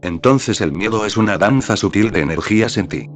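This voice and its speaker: Deep-voiced man narrating a spiritual talk. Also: lively intonation, fairly quick. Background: faint background music.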